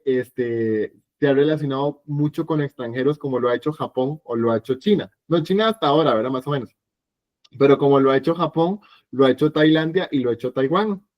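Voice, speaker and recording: A man teaching an evening language class, patient and explanatory, slowly repeating sounds for his students. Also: on the high side, lo-fi sound. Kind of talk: online class lesson.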